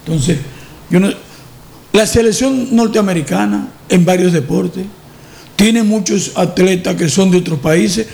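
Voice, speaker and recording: A man with a Dominican accent hosting a sports segment on a talk show, animated and repeating phrases for emphasis. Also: high-pitched, a little slow, gravelly. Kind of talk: radio talk show chat.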